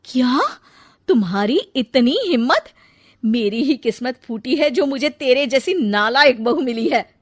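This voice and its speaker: A woman voicing a bossy, quick-tempered middle-aged mother-in-law in a cartoon, scolding loudly. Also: high-pitched, animated. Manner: scolding, loud and domineering. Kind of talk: cartoon voice acting.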